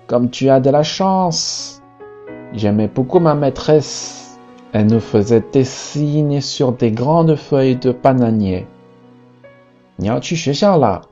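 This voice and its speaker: A man's voice: medium pitch, mellow, muffled recording. A man voicing a friendly hissing savanna creature in a storybook, talking in an encouraging way.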